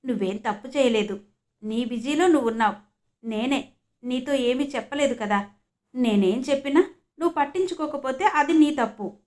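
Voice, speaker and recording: A woman voicing a patient young husband who explains things calmly and reassures, in an audiobook reading. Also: sits high, moderate pace, long pauses, close to an everyday voice. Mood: reassuring. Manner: calm, reassuring.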